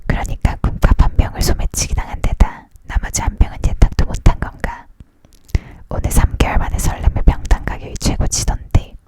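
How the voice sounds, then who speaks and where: A storyteller reading a novel aloud in a whispered ASMR style, leaning in to whisper. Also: fairly quick. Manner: leaning in to whisper, hushed narration.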